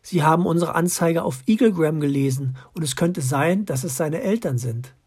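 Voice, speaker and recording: A man voicing a caring mother fox in a storybook, speaking calmly and reassuringly. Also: on the high side, normal speed, slightly rough.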